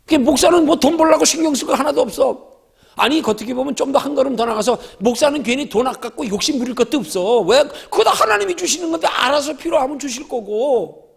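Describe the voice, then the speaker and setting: 성경공부 시간에 설교하는 남자 목사로, 반말로 청중에게 직접 말을 걸며 수사적 질문을 자주 던진다. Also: male voice, very high-pitched, animated, fast, creaky. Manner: emphatic, talks directly to listeners in casual speech, rhetorical questions. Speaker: pastor. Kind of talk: Bible study sermon.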